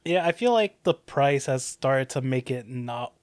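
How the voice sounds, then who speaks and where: A young man speaking at an everyday pitch, recorded close and dry with no room sound. He chats on a podcast in a relaxed way, stumbling and restarting as he explains things. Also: unhurried, clean tone, no echo. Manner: hesitant restarts, laid-back explaining. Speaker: podcast co-host. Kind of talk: casual chat.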